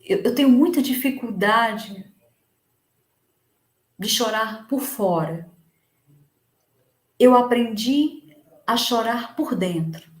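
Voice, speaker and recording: Woman lecturer, fairly high voice, unhurried emotive storytelling, echoey room. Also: lively intonation. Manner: slow, emotive retelling in the first person. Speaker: Spiritist lecturer. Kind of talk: devotional storytelling talk.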